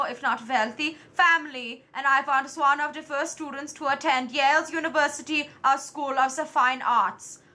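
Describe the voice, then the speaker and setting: A young adult woman reads a biography aloud in the first person for a school project. Her voice is fairly high and bright. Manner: reads in character as a historical figure. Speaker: student presenter.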